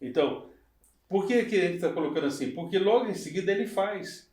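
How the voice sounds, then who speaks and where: A male pastor in a casual Bible study conversation, explaining calmly and affirming his partner often. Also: high voice, fairly quick, distant mic. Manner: agreeable, explanatory, frequent short affirmations. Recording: echoey room, away from mic.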